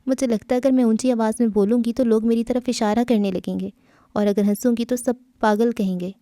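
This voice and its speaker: Female reader voicing a withdrawn, melancholy young woman; soft mellow tone, dry. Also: on the high side, steady tone, no echo, close to an everyday voice. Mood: sad. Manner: quiet, melancholy.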